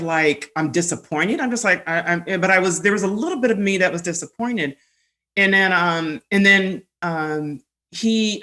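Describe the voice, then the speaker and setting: Bright-voiced woman telling rambling stories. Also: fairly low pitch. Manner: rambling, animated storyteller with frequent laughs. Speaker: podcast guest. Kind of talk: casual storytelling conversation.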